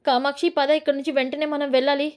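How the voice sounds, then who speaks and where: A woman voicing a quick-tempered middle-aged mother-in-law who scolds and shouts at the younger women of the house in a storytelling retelling. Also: high voice, level tone, natural voice. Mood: angry scolding.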